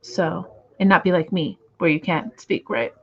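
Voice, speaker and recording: Low-voiced woman rambling on a stream. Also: breathy edge, muffled recording. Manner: rambling, filler-heavy, self-deprecating; naturally fast talker trying to slow down. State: slightly hoarse. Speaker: comic book reading stream host. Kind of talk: casual livestream chat.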